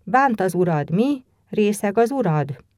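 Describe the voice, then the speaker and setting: A small boy putting on a drunken husband's rage, as a woman reading the tale gives him voice, bellowing high and loud in slurred, abusive bursts. The tone stays mellow and soft-edged. The reading is dry and close, with no room sound around it. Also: sing-song, dry recording, close to an everyday voice. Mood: menacing. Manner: shouting, slurred, abusive outbursts.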